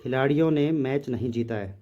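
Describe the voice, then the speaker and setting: A man teaching grammar, explaining in Hindi and slowly dictating example sentences word by word. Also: mid-range voice, mellow, lo-fi sound. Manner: slow, drawn-out dictation of English sentences. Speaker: English teacher. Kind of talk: grammar lesson.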